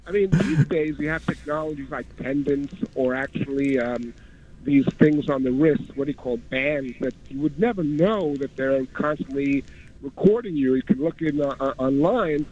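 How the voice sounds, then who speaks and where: A man calling in to a radio show by phone, telling a personal account in a halting, hesitant way. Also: mid-range voice, darkish tone, slight background noise. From Queens, New York. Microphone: telephone. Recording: dull, band-limited phone line.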